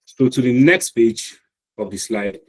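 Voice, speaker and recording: A man with a Nigerian accent teaches a live online lecture on a meeting call, explaining step by step with fillers and restarts. His medium-pitched voice is animated and husky, a little slow, and the recording is rough.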